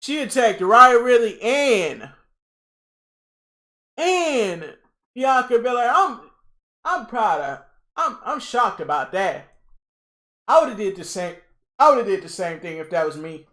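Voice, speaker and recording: Excitable high-voiced young man streaming. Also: takes it slowly, long pauses. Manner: excitable, rambling, repeats himself, talks to chat. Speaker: livestream host. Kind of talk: casual live reaction chat.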